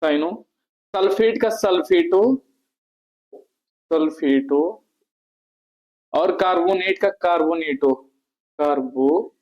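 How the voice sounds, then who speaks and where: A man's voice: a little high, slow pace, long pauses, a little mellow, highs cut off. Man teaching chemistry with a raised voice. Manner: repeats each term, asks and answers own questions. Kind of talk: board lecture to students.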